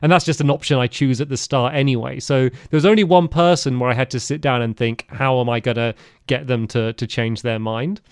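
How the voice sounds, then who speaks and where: Smooth-voiced man, rambling storyteller. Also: medium pitch, brisk, no room sound, studio quality. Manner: rambling, animated storytelling with fillers. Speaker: podcast co-host. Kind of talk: casual game discussion.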